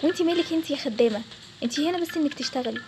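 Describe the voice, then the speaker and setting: A woman's voice: sits high, rapid-fire, over music. A woman with an Egyptian Arabic accent voicing a nosy, persistent young man who keeps pestering a coworker, in a toy role-play story. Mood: pushy. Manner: pleading, persistent. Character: nosy pushy young man, manager's son.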